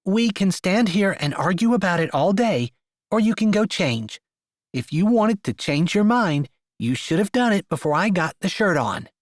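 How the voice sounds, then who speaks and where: A man voicing a bossy, stubborn young woman in an audiobook romance, with a sharp, insistent delivery. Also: high-pitched, lively intonation, moderate pace, no room sound, studio quality, voice pushed up.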